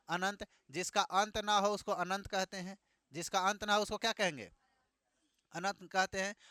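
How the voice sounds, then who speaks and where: A man's voice: high-pitched, bright, forceful tone, clear, resonant tone, no echo, clean studio sound. A man teaching a classroom math lesson, asking questions and repeating each answer back. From Bihar, India.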